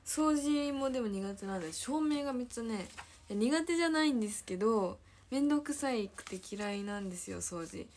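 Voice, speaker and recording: A woman's voice: on the high side, expressive, brisk, darkish tone, slight background noise. A teenage girl with a Kansai accent chatting casually on a livestream, giggling often and repeating her own phrases as she reads viewer comments. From Hyogo, Japan. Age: teens. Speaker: idol trainee livestreamer.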